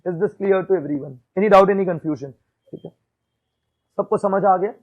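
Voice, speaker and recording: A man's voice: sits high, slow pace, phone-quality sound. A male accounts teacher giving a classroom lecture in mixed Hindi and English, often checking "ठीक है?" and quizzing his students.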